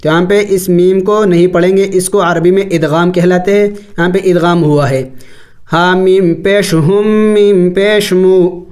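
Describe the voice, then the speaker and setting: A man teaching Quran recitation with tajweed, spelling letters and vowels slowly, then explaining the rules quickly. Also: high-pitched, fairly even intonation, a little mellow.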